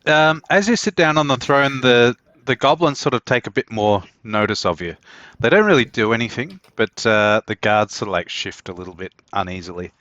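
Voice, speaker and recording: A man's voice: medium pitch, expressive, moderate pace, few pauses, fairly bright tone, no room sound. A man narrating as game master in a loose, hesitant way. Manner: loose, hesitant, laughs at himself. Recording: dull lo-fi dry mic.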